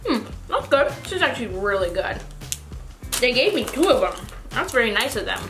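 A woman's voice: fairly high pitch, very animated, normal speed, over music. A young American woman vlogging a snack taste test, chatting casually while chewing with her mouth full. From United States. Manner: chatty, giggly, apologetic about pronunciation.

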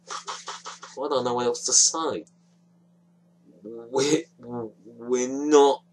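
A man's voice: medium pitch, poor audio. A young man giving a frustrated, disappointed football match reaction into a webcam in a small dim room. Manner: frustrated, disappointed, gestures a lot with hands. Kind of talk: casual webcam commentary. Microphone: webcam at close range.

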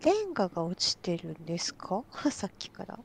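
A woman's voice: fairly low pitch, big pitch swings, a little fast, vocal fry, husky. A woman co-hosting a game let's play, bantering and protesting with a giggle in casual chat on a close mic.

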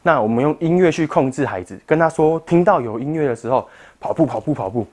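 A man's voice: a little high, lively intonation, fast, a little mellow. A man with a Taiwanese Mandarin accent, teaching a parent-child exercise class and patiently explaining each move to parents.

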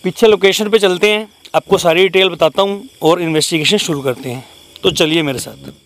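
A young man with a high, brisk, slightly bright voice hosts a paranormal vlog outdoors at night in rural woods. Holding the camera with its mounted mic, he chats with viewers like they're friends and grumbles about the mosquitoes.

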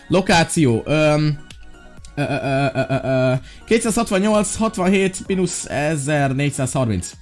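A young man from Hungary playing Minecraft, joking around and shouting commands in playful role-play with lots of fillers. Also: a little high. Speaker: gaming YouTuber.

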